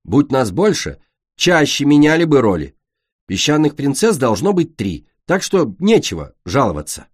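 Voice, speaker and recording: A man's voice: mid-range voice, big pitch swings, moderate pace, breathy edge, no room sound, clean studio sound. A man voicing a bossy young female dragon who directs the others' play in a storybook reading. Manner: commanding, dramatic.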